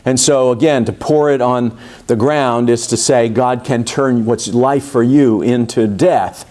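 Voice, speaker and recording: A pastor with a medium-pitched, slightly mellow voice leads an informal Bible study. He sounds conversational and halting, restarting often and repeatedly putting questions to his listeners.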